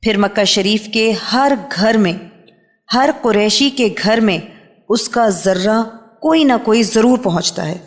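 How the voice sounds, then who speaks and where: A woman reading a religious history book aloud in a steady, measured way, announcing each new heading. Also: mid-range voice. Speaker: book reader. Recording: long hall reverb.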